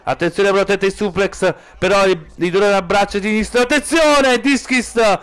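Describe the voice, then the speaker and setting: An Italian man giving excited live play-by-play wrestling commentary as a commentator, urgent and exclamatory, stretching out stressed words. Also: sits high, clean tone. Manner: urgent, exclamatory, drawn-out stressed words, rising to shouts at key moments.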